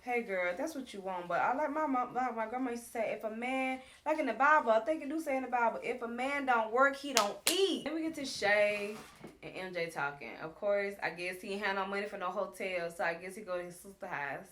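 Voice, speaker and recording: A woman hosting a casual recap show, telling the story in an animated, frank way and acting out what people said. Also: medium pitch, a little fast, noisy background. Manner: animated storyteller, acts out quotes; frank, talks straight to viewers. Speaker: show host recapping a reality series.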